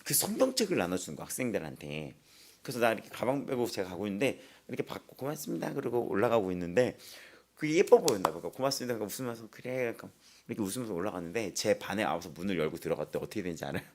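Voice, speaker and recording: A man's voice: on the low side, rapid-fire, a little hiss or hum. A man preaching an early-morning sermon as a pastor, telling personal stories with laughter and acting out the voices of others. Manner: animated storytelling with frequent laughter; acts out quoted voices.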